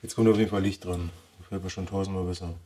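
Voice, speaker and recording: A deep-voiced man with a Ruhr German accent talks quickly with fairly even intonation over a noisy background. As a bonsai vlogger, he offers casual commentary while working, thinking aloud and muttering during the trimming.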